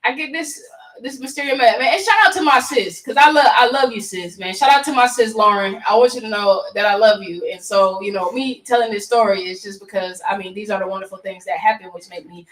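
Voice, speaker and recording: A woman hosting a casual talk radio show, telling stories in an animated, profane, slang-filled way. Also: medium pitch, brisk, recorded from a distance, poor audio. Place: radio studio.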